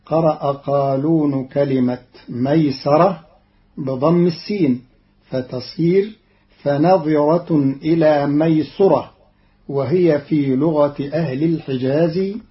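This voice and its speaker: A man explaining Quran readings in a measured, deliberate scripted radio lesson. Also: a little high. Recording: dull lo-fi old radio recording.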